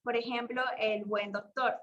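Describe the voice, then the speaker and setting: Young female student, raised pitch, very slow and halting read. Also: fairly even intonation, fairly bright tone, dull audio. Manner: halting, careful reading with self-corrections. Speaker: university student presenting. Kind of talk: reading a class presentation aloud.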